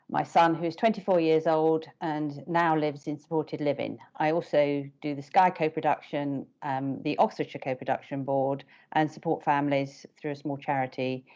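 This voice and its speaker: A middle-aged woman, a parent carer, speaks on a panel video call in a low, slightly mellow voice. She is firm, direct and emphatic. The call audio is dull and lo-fi.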